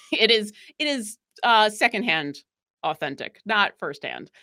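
A woman speaks in a relaxed, conversational way, stopping often to rephrase with ums and restarts. She sounds like a guest talking about her tabletop character. Her voice sits at an ordinary middle pitch for a woman. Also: measured pace. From New York State. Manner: hesitant, many fillers and restarts. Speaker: podcast guest, tabletop game player. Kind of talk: casual chat.

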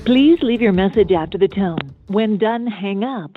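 This is a woman's recorded voicemail instruction heard over a landline phone. Her pitch sits in the middle, her delivery is slow and evenly paced, and the sound is thin and narrow like a phone line. Faint music plays underneath. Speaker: automated voicemail prompt.

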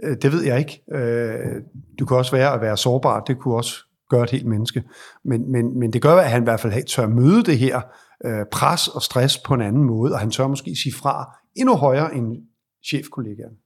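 This husky, mid-range male voice carries some vocal fry. He's a leadership advisor from Denmark offering advice during an interview, speaking reflectively and at length with many restarts.

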